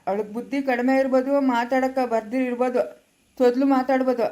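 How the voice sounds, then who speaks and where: A woman's voice: high-pitched, steady tone, fast, natural voice. Woman playing a tender worried old father. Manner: gentle, soothing, repetitive pleading. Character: loving, worried elderly father. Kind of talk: family skit acting.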